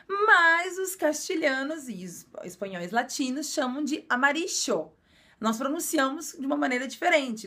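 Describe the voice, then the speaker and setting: Brazilian woman, high voice, casual video teacher who repeats and explains patiently. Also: fairly bright tone. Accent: Brazilian Portuguese. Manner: explains slowly and repeats words, frequent filler "é". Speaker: language teacher.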